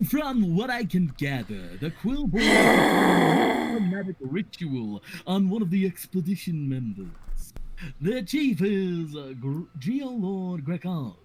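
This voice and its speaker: A man voicing a stern male quest-giver in a game with a low, gravelly, solemn delivery. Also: sing-song, slow, a little hiss or hum, exaggerated voice, rough recording. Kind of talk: reading game dialogue aloud.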